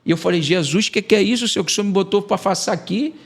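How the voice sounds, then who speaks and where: This Brazilian man speaks very fast in a high register, with vocal fry and a breathy edge. As an evangelist guest on a podcast, he gives an emotional testimony, animatedly narrating and performing the lines of dialogue.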